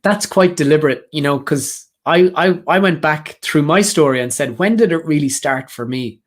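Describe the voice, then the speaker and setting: A man's voice: fairly high pitch, normal speed. A man presenting a live career-coaching session, talking earnestly and directly to job seekers with a lot of repetition. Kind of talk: motivational live session talk.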